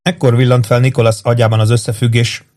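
A man narrating a fantasy audiobook in an even, unhurried storytelling manner. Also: medium pitch. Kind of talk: scripted narration.

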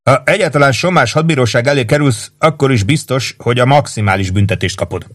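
A man's voice: mid-range voice, pitched above the performer's own voice, natural voice. A man reading the lines of a blunt, mocking male army first sergeant in a novel.

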